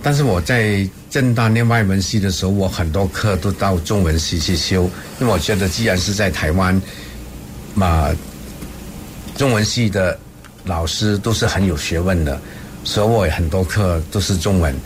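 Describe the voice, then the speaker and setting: An older man, a professor, answering interview questions in a hesitant, halting conversational way. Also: deep voice. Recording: clear background ambient noise.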